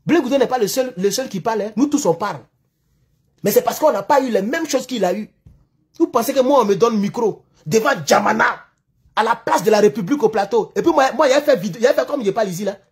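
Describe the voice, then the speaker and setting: A man's voice: extremely high pitch, animated, fast talker, darkish tone, slightly rough. A man from the Ivory Coast with an Ivorian French accent, delivering a heated political rant as a YouTube commentator in an impassioned, accusatory way, repeating himself for emphasis.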